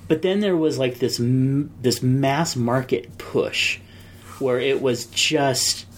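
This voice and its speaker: A man's voice: medium pitch, slow pace, slight background noise. A man in his thirties co-hosting a podcast, chatting casually and reading listener mail in a rambling way. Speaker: podcast co-host. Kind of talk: casual chat.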